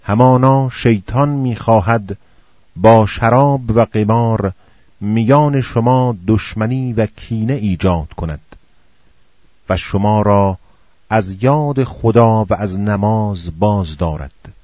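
Solemn low-voiced man reading scripture. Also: dry recording. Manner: slow, solemn recitation in short phrases. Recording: dull, muffled dry recording.

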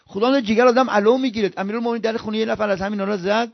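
A man preaching an impassioned sermon. He swings from loud outbursts to hushed murmurs and chants scripture in a slow recitation. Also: high voice, fairly even intonation, gravelly, no room sound, highs cut off.

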